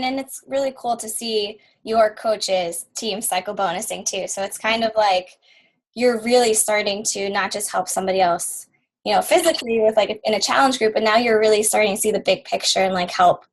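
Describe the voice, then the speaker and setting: A woman co-hosting a team conference call, upbeat and chatty, quick to get excited. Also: medium pitch, rough recording.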